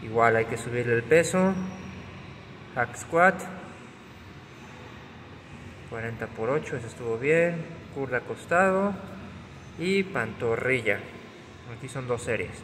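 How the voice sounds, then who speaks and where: A man in his thirties, sounding like a casual gym bro, walks through his workout for a vlog shot on a phone held at arm's length inside a large gym. His mid-range voice is lively in intonation, a touch slow, and slightly bright. Clear gym ambience fills the background.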